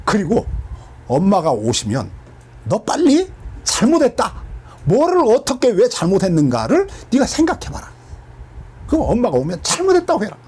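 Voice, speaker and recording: Lively pastor teaching with questions. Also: male voice, high-pitched, moderate pace, husky. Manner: animated, asks the listeners questions and answers them. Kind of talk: Bible teaching.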